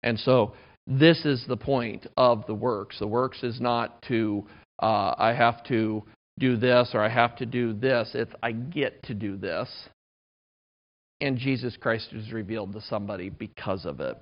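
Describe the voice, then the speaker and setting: A man's voice: lowish voice, a little slow. A man in his thirties preaching a sermon in a conversational, self-deprecating way. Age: 30s. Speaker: pastor. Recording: dull lo-fi recording.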